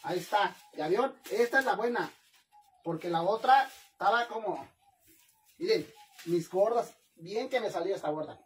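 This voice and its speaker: A man's voice: high-pitched, expressive, normal speed, a little hiss or hum. A man with a Mexican accent chatting casually while he cooks on camera, playful and campy, and he laughs often. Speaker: vlogger cooking on camera. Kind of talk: casual live cooking chat.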